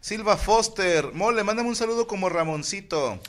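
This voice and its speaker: A man's voice: high voice, expressive, normal speed. A man with a Mexican accent hosting a casual podcast, reading listener messages aloud with crude jokes. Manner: crude joking, reads shout-outs aloud. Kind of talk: casual group banter.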